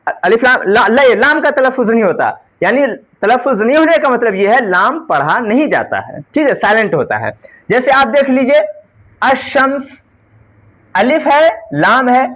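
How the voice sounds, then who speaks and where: A woman teacher giving an exam-prep grammar lesson. She asks the class questions, answers them herself, and keeps checking with a "right?". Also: a little high. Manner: often adds a checking "right?" tag; spells out letters one by one, slowly.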